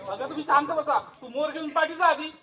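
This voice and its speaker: A very high, sharp-toned lead milkmaid, acted by a man, who scolds the girls in flowery phrases in a folk stage comedy. She is heard from a distant mic, with a faint audience murmur behind her. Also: a little fast, faint music behind, a faint crowd. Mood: lyrical. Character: sensible lead milkmaid calming the others, female.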